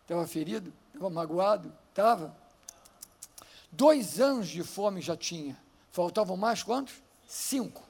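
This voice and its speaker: A man with a Brazilian Portuguese accent preaching a sermon, swinging from fervent shouting to quiet teaching and acting out Bible stories. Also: high-pitched, animated, a little slow, vocal fry, breathy edge.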